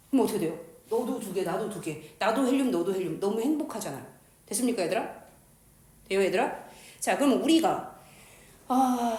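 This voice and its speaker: In an echoey room, a woman with a mid-range, darkish voice gives a lively chemistry lecture full of slang and crude jokes. She keeps things playful by asking the class questions and then answering them herself.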